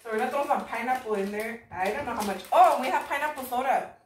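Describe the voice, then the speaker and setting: A young woman with a Mexican American accent hosts a vlog from her home kitchen, making drinks, giggling and chatting, with occasional switches into Spanish. She talks fast in a fairly high voice. A camera across the room picks her up from afar in the echoey kitchen, with a little hiss or hum.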